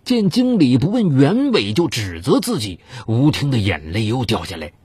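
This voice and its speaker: A man's voice: big pitch swings, normal speed, a little mellow, slightly rough, no echo. A man narrating a dramatized true-crime story in a theatrical, suspenseful way. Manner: theatrical, swings of pitch for suspense.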